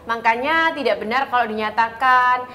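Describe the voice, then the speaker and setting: A female pastor with a high voice teaching earnestly, explaining step by step in a conversational sermon. Faint background hum sits behind her. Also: normal speed, pushed and bright. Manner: earnest teaching, frequent affirming interjections. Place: coffee lounge.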